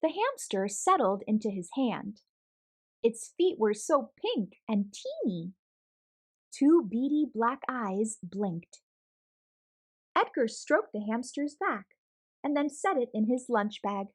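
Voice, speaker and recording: Slightly high in pitch and unhurried, a woman performs a children's picture book aloud with lively, expressive storytelling.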